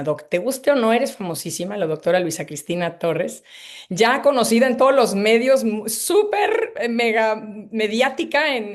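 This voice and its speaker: A woman in her fifties, originally from Mexico City, hosts an online presentation for a live audience over a video call. Her medium-pitched voice is a little mellow, and she speaks effusively and ramblingly with many hesitations.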